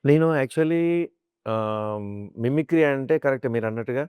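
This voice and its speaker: Man telling animated stories in a dry studio. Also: medium pitch, moderate pace, clear, resonant tone, dry recording. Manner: animated storyteller who slips into chanting and imitated voices. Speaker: mimicry artist, interview guest. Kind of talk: casual interview storytelling.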